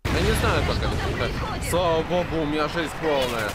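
High-voiced man with w-like r's. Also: moderate pace, very noisy. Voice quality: speech impediment, pronounces r like w. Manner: excitable, heavily swearing, talks to the game's enemies. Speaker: let's player. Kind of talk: unscripted gameplay commentary. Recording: loud game music and gunfire behind. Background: loud video game music, gunshots.

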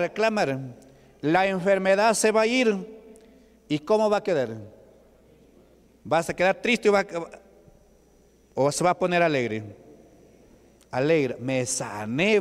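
Brief: male pastor, slow and resonant, quizzes his flock, long church reverb. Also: high-pitched, expressive, clean tone. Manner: asks the congregation rhetorical questions. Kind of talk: Pentecostal sermon. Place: church hall.

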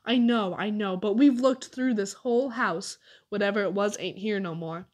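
A woman reading aloud, voicing a gruff grown man, a tramp, in a storybook. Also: mid-range voice, moderate pace, darkish tone, lightly acted. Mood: grumbling.

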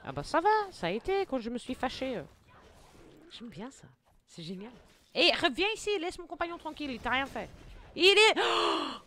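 A woman hosting her gaming channel, giving excitable play-by-play commentary, taunting enemies and muttering to herself, jittery from too much coffee. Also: high-pitched, normal speed, slight background noise. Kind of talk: live gameplay commentary.

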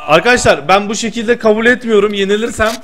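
A young man doing lively gameplay commentary, teasing his friend and protesting loudly to his viewers. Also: sits high, quick pace, slight background noise. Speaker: gaming YouTuber.

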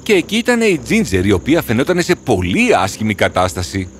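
Playing a horse who tells stories, this man narrates a storybook cartoon in an earnest, sorrowful, reflective way. His pitch sits in the middle but swings hugely, with background noise and music behind him.

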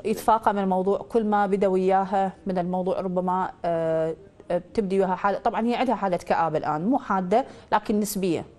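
A woman's voice: mid-range voice, fairly even intonation, racing, warm tone. A woman with an Iraqi accent hosting a call-in astrology show. She quizzes a caller with probing questions, then gives confident pronouncements over a studio mic. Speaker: astrologer host.

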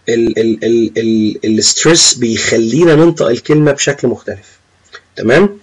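A young man with an Egyptian Arabic accent teaching a lesson, reading English words slowly and then explaining them. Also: medium pitch, low-quality recording. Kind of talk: classroom-style lesson explaining vocabulary.

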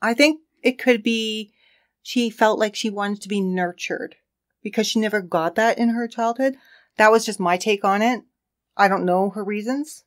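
A woman's voice: mid-range voice, normal speed. A woman co-hosting a casual true crime podcast, chatting and laughing as she tells the case story.

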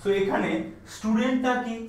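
A man's voice: extremely high pitch, steady tone, normal speed. Man teaching grammar, echoey room. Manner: explains patiently, checks in with repeated questions. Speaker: English teacher. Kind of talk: classroom grammar lesson.

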